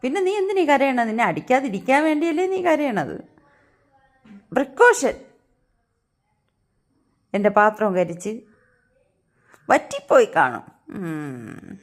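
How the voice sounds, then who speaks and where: A woman's voice: on the high side, very animated, a little slow, long pauses. A young mother talking to her small child at home, scolding and teasing her in a playful way. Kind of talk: casual home vlog talk to her child.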